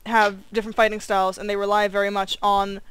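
Young woman, chatty and giggly, smooth clear voice, dry close mic, voice call. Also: mid-range voice, level tone, quick pace, a bit bright, no room sound, poor audio. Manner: giggly, chatty, thinking aloud. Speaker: student animator running a voice cast meeting. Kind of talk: casual group chat. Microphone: online voice call.

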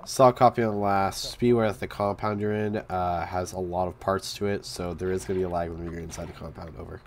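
A man's voice: sits low, steady tone, fairly quick, a little hiss or hum. A man answering calls over voice chat in military radio style, closing each reply with "over". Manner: formal radio replies ending in "over".

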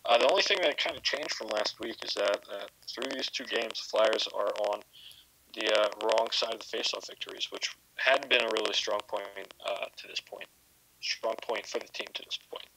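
A man's voice: fairly low pitch, moderate pace, bright, forceful tone, rough recording. A man co-hosting a podcast, analysing hockey stats in a casual, stammering way. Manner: analytical, stammers on repeated words. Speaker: podcast co-host.

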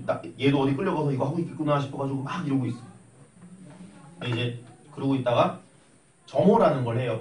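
A young man teaching math in a classroom, telling an animated story and acting out the voices. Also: mid-range voice. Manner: animated, acts out voices while telling stories. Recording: echoey room, mic at a distance.

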